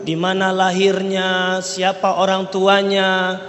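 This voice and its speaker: Preacher guy w riau malay-ish accent, really high voice, keeps asking the crowd "right?", long hall echo. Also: monotone, slow, fairly bright tone. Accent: Riau Malay-tinged Indonesian. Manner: rhetorical, checks in with the audience often. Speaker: Islamic preacher. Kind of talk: sermon to a congregation. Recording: long reverb of a large hall.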